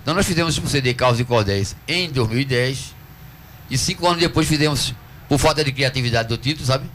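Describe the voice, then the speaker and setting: A man from Northeast Brazil with a Northeastern accent, a cordel poet answering interview questions in a radio studio, earnest and teacherly, slowing down to stress syllables. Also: medium pitch, fairly bright tone, slight background noise. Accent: Northeastern Brazilian Portuguese. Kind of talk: radio interview, explaining at length.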